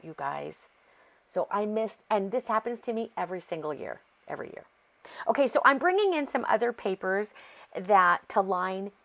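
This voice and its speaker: A craft video host, this American woman has a lowish, creaky voice with a fairly bright tone, stuffed up and sore-throated. She narrates the craft process in a casual, rambling way, chatty and quick to wander onto side topics.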